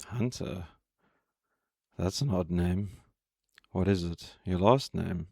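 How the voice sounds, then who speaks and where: A man's voice: low-pitched, slow, creaky, darkish tone, no room sound, studio quality, exaggerated voice. A man voicing an honest, curious young man who asks plain questions. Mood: earnest.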